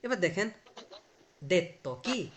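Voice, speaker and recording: A man's voice: high-pitched, sing-song, slow pace, a bit bright. A man teaching a live online language class, explaining patiently, drilling pronunciation and quizzing his student.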